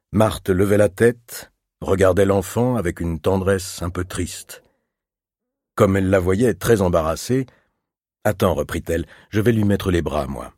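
A man reads literary fiction aloud in a calm, measured audiobook narration. His voice sits fairly low, and the recording is dry and close, with no room echo. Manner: calm, measured, even reading.

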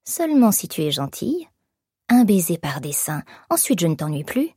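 A woman voicing a gruff, leering man in his forties with a gravelly voice, mocking and coaxing in an audiobook. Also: lowish voice, big pitch swings, moderate pace, dark tone, no room sound, studio quality.

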